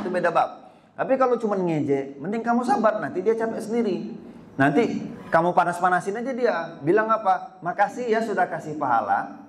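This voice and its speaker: A man's voice: high voice, slight background noise. A man from Indonesia, giving a religious lecture to parents in a casual, conversational way and acting out little dialogues with children. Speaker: ustadz giving a regular study lecture.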